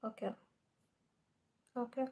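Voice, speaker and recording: A woman's voice: slow pace, dark tone. A woman from Cameroon, chatting casually with viewers on a live stream and sometimes dropping to a near whisper.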